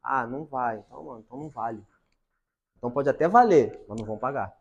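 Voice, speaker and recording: A Brazilian man giving a casual talk to colleagues on real estate, slangy and animated, telling stories. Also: medium pitch, fast, vocal fry, slightly rough, muffled recording. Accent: Brazilian Portuguese. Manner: animated, slangy, tells anecdotes.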